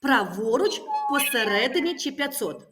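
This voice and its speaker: A woman with a high-pitched voice leads a primary school lesson. She poses question after question and patiently confirms each answer by repeating it. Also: very animated, normal speed, a bit bright. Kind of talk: classroom lesson. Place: classroom.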